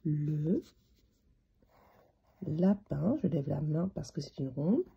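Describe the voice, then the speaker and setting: A woman teacher giving a slow, patient handwriting lesson to young children, spelling out each letter as she writes. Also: deep voice, creaky, slightly rough, muffled recording.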